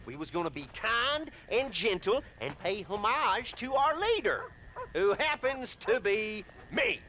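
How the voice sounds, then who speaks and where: A man's voice: high-pitched, very animated, unhurried, pushed and bright, a little hiss or hum, full character voice. A pompous backwoods self-made king. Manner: suspicious, self-important drawl. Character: pompous backwoods male survivor crowning himself king. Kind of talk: video game cutscene acting.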